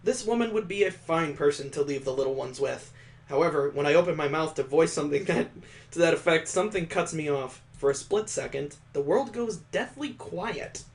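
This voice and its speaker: A streamer with a somewhat high male voice reads a visual novel aloud, moving between narrating the story and casual, conversational commentary. He speaks at a normal speed with lively intonation.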